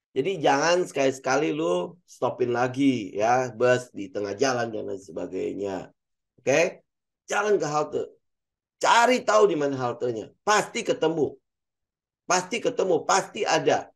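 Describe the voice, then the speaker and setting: A middle-aged man talks through trading in a blunt, lecturing way, with a Jakarta slang accent. His voice sits a little high and has a rough, gravelly edge. He stays animated and direct as he explains. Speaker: trading educator. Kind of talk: casual market commentary.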